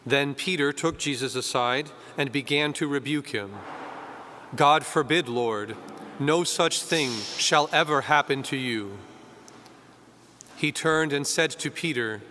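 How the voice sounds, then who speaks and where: At Mass, a priest reads the Gospel and delivers a homily, proclaiming in a measured, clear way and easing into a conversational tone for the sermon. His medium-pitched voice is bright and forceful, ringing with long cathedral reverb, with slight background noise.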